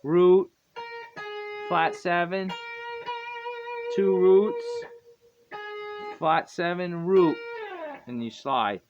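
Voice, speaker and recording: A man's voice: high voice, extremely slow, long pauses. A man teaching guitar in a casual, rambling way, often correcting himself and chuckling. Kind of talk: casual music lesson. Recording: dull lo-fi with guitar playing.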